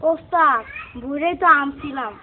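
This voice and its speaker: A woman's voice: high voice, normal speed. A woman, playing a meek, plaintive pupil in a comedy skit. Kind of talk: comic skit acting. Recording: tinny lo-fi audio with faint noise.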